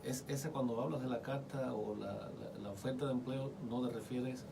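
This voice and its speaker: A man co-hosts a radio talk show, asking careful, probing follow-up questions. His voice sits back from the microphone, with steady background noise around it. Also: mid-range voice, moderate pace, gravelly, far from the mic. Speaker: radio co-host.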